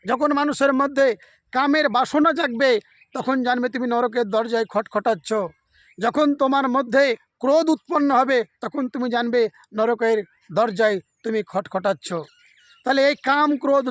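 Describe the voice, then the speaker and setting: A man with an unusually high-pitched voice delivers a devotional sermon outdoors beside a rice field. He speaks as a preacher, circling back to his points again and again. He earnestly pleads with his listeners. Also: measured pace, a bit bright, no room sound. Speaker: religious preacher. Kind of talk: devotional sermon to a camera audience.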